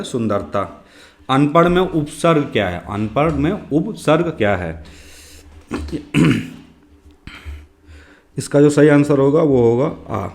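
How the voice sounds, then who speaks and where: A man leads a grammar class for exam prep, with a voice that is a little hoarse and an occasional throat-clear. He poses every question out loud, then answers it and repeats the answer. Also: medium pitch. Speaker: teacher.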